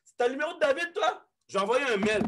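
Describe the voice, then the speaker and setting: Brief: high, bright man with a faded Quebec accent, team leader pushing hard, mixes in English. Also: animated, quick pace, a little hiss or hum. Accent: faded Quebec French. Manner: mixes English phrases, urging and pleading; swearing, emphatic. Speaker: network marketing leader. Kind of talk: live motivational call.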